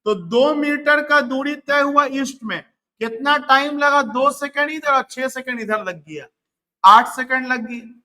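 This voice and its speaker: A man's voice: very high voice, a little slow, bright, forceful tone. A man teaching a physics lesson, asking his students questions and answering them himself, and repeating key numbers. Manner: motivational asides to students. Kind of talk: classroom physics lecture.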